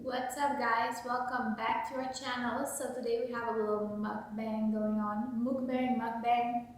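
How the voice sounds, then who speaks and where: A woman's voice: fairly high pitch, level tone, moderate pace, far from the mic. A woman co-hosting a couple's vlog, chatting in an easygoing, giggly way. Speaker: vlog co-host. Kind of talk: casual chat. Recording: echoey room, away from mic.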